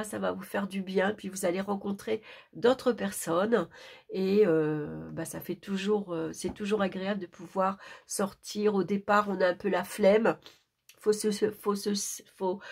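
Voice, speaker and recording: A woman's voice: mid-range voice, fairly even intonation, unhurried, gravelly, darkish tone, husky. A woman with a sore throat from tonsillitis presenting an informal tarot horoscope reading, subdued and searching for her words.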